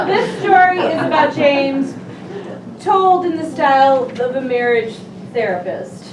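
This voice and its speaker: High-voiced woman hosting an improv show. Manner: chatty, laughing, coaxing the audience. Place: small theater stage. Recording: far, echoey room with crowd noise.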